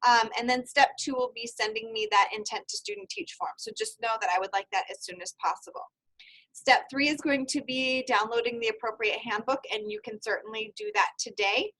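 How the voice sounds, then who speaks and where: A woman in her thirties leading an online seminar over a video call, giving brisk, friendly, step-by-step instructions. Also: fairly high pitch, a bit bright, poor audio. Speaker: university field experience coordinator. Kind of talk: online seminar presentation with screen sharing.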